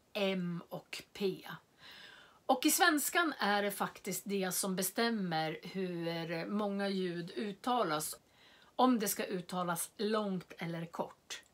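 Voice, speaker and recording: Woman, language teacher, slow clear lesson, repeats words for learners, mid pitch. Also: pushed and bright. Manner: spells out words slowly and repeats them for learners.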